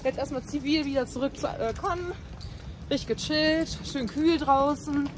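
A woman's voice: sits high, fairly even intonation, normal speed. A young woman chatting on camera outdoors, gushing and rambling with lots of fillers. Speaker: friend of the vlogger. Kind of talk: casual chat on camera.

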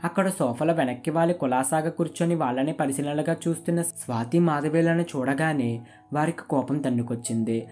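A storyteller reading a dramatic moral tale in a steady, scripted way, with faint guitar music behind. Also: mid-range voice, brisk.

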